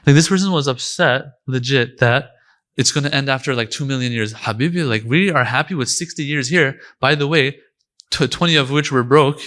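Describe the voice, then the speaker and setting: A man's voice: medium pitch, normal speed, a bit bright. A middle-aged man giving a religious talk at a conference, in an informal, joking manner with slangy asides. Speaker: religious lecturer. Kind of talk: casual conference lecture. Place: lecture hall.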